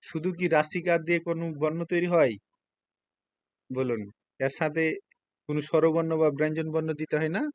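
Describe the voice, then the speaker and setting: A male language teacher with a Bangladeshi accent and a slightly high voice, giving a classroom lesson. He speaks patiently and keeps checking in with his students through questions. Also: fairly even intonation, a little fast, long pauses, no echo. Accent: Bangladeshi Bengali. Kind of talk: classroom lesson explaining hiragana.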